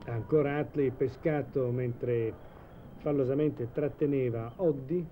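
A man giving measured live football commentary in a 1980s TV broadcast style, hesitating now and then mid-sentence. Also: mid-range voice, narrow, tinny audio. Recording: old TV broadcast, steady stadium noise.

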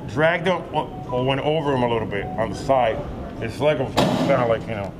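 An older man, an eyewitness, tells what he saw in a hesitant street interview on an outdoor covered sidewalk, retelling plainly with fillers. His voice is medium-pitched and a little fast, with loud music and street noise behind him.

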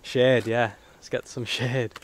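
A man's voice: mid-range voice, little pitch movement, takes it slowly. Chummy man, noisy outdoor vlog. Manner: chummy, colloquial, mild swearing. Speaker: travel vlogger. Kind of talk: casual chat to camera. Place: outdoors on rural roads and temple grounds. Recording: outdoor ambient and motorbike noise.

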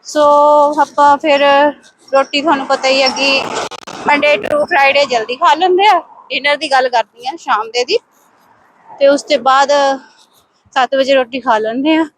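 A woman with a high-pitched voice talks casually to her viewers. Her delivery is a chatty, exclamatory running commentary, recorded on a walk outdoors with faint ambient noise behind her. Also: measured pace, poor audio. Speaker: vlogger. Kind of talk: casual walking vlog chat to viewers. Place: outdoors, walking along streets.

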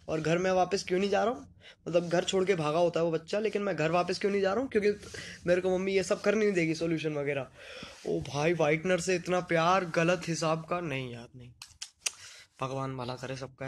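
A young man with a slight Punjabi accent hosts a live stream, answering viewer comments in loose, joking banter. His voice sits a little higher than most men's, and his talk is relaxed and playful. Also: a little fast, slight background noise. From Delhi region, India.

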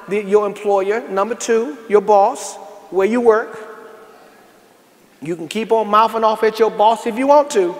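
A man preaching a sermon as pastor, folksy, calling out to the congregation and rising into emphatic bursts. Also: high voice. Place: large church sanctuary. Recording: echoey church hall with faint noise.

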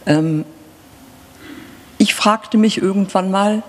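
A middle-aged German author speaking on stage, thoughtful and halting, pausing often and filling gaps with hesitations. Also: female voice, mid-range voice, slight background noise. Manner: thoughtful, halting, with pauses and fillers. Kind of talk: reflective talk before a reading. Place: large theatre stage. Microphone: stand mic, seated. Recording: reverberant hall.

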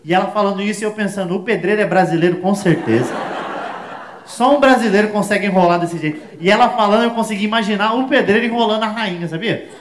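A Brazilian man with a Brazilian accent doing a stand-up comedy set, animated and full of crude slang, shouting his punchlines. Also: high-pitched, very fast, reverberant, slight background noise. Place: comedy show stage before an audience.

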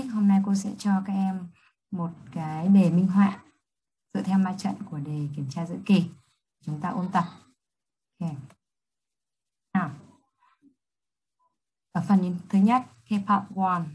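A woman English teacher with a Vietnamese accent, reading test questions slowly and then explaining each answer quickly. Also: medium pitch, warm tone, breathy edge, low-quality recording. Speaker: high school English teacher. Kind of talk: exam review lesson.

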